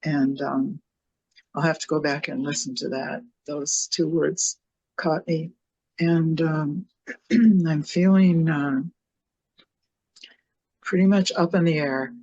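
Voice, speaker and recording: A woman shares casually, searching for words with long pauses. Her voice is husky with heavy fry and moves slowly. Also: deep voice, steady tone, darkish tone, no echo, lo-fi sound. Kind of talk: casual personal sharing.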